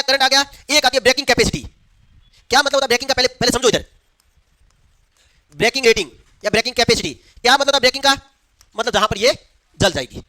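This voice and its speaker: A man teaches a lecture in a very high, fast voice, firing questions at the class and then answering them himself. His tone is bright and the sound is dry. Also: no room sound.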